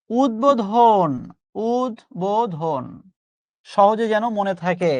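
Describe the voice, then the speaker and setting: In a dry recording, a high-voiced man runs a pronunciation lesson online. He keeps his students at ease and mixes English expressions into what he's teaching.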